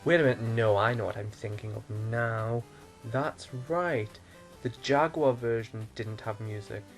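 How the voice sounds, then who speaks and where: A man co-hosting a casual podcast chat, explaining at length, thinking out loud and correcting himself. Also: medium pitch, steady tone, unhurried, soft background music. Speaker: podcast co-host.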